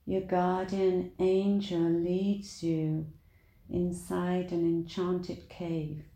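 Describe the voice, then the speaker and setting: A woman leading a guided meditation in a soothing, deliberate manner, with long pauses between short phrases. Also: fairly low pitch, little pitch movement, warm tone, reverberant.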